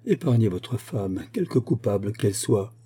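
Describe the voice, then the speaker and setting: A man's voice: on the low side, expressive, normal speed, mellow, slightly rough. A man voicing a remorseful young noblewoman who pleads earnestly with her husband in an audiobook reading. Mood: pleading.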